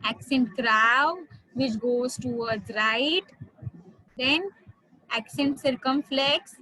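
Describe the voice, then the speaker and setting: An Indian woman teaching a French class online, explaining slowly, spelling words out and switching into Hindi. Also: high voice, bright, forceful tone, no room sound, poor audio.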